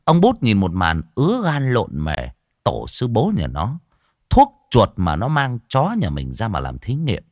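A man's voice: on the low side, unhurried, no room sound, studio quality. A man telling a comic village story, acting out all the voices. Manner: lively, acting out many voices.

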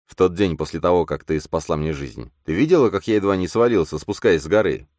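A man voicing a fond, joking adult man in an audiobook, with a lively, slightly raised delivery. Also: low-pitched, a little fast, dry recording, studio quality, lightly acted. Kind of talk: audiobook character reading.

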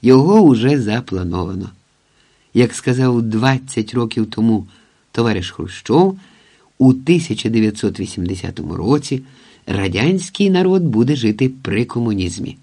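A jovial, teasing man jokes with an easy mockery, voiced by a male audiobook reader. He sounds skeptical and amused. His voice stays in a mellow, warm register. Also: mid-range voice, animated, moderate pace. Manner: joking, mildly mocking.

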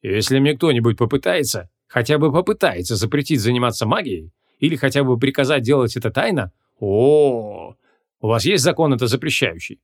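Man playing a grumpy imperious archmage, gruff, animated delivery. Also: medium pitch, a little fast. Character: grumpy ancient male archmage, hot-tempered.

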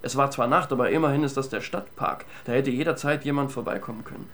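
A male actor voices a cheeky, reflective police detective for a German radio crime drama, musing in a wry, chatty way. He talks quickly in a mid-range, fairly bright voice that sounds close to everyday speech.

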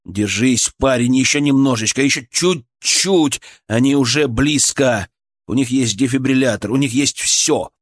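A man voicing an excited male bystander who shouts urgent encouragement from a crowd in an audiobook. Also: medium pitch, unhurried, dry recording, studio quality, close to an everyday voice.

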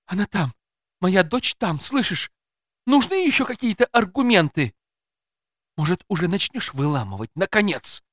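Guy doing a screaming furious mom, way up high and loud, dry close sound. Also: very animated, moderate pace, no echo, full character voice. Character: frantic furious woman, a mother shouting for her daughter.

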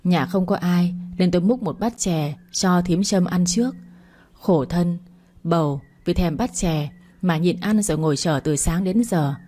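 A woman narrating a first-person family drama story in an even, unhurried way. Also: on the low side.

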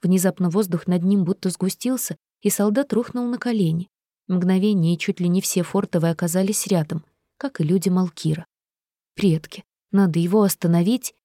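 Woman, audiobook narrator, first-person story, lower voice, dry close recording. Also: a little fast, dark tone, no room sound.

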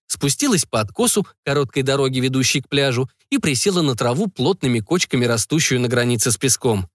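A man's voice: mid-range voice, animated, fairly quick, dry recording, studio quality. A man narrating an audiobook in a reflective, wry manner.

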